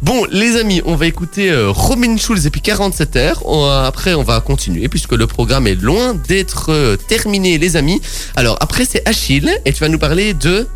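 A man's voice: on the high side, sing-song, moderate pace, fairly bright tone, faint music behind. A man hosting a casual radio show, bantering and laughing with his co-hosts. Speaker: radio host.

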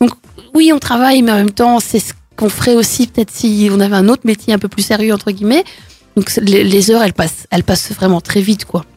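A woman's voice: medium pitch, fairly even intonation, quick pace, a little mellow, husky, soft background music. Hesitant woman singer on the radio. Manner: hesitant, many restarts, laughs easily. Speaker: singer guest. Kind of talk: radio interview. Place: radio studio. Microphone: studio microphone.

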